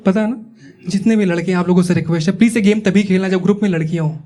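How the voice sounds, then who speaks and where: A young male comedian from Uttar Pradesh performs stand-up on a club stage. His voice sits high, and he chats with the crowd and acts out the people in his stories. A live audience laughs loudly behind him. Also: steady tone, very fast. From Uttar Pradesh, India. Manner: chatty, teasing the audience, acting out quoted people.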